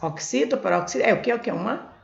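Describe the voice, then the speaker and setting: A woman tutoring for Portuguese exams, going through questions slowly and repeating each syllable type for her students. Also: a little high, animated, gravelly. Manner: repetitive, spells out syllables, addresses students as gente. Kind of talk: explaining exam questions. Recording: echoey room, dull lo-fi sound.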